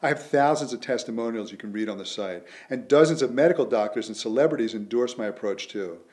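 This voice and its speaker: A man, an author, delivering a scripted promotional pitch in an earnest, persuasive way. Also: fast talker, a little mellow. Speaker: author promoting his method.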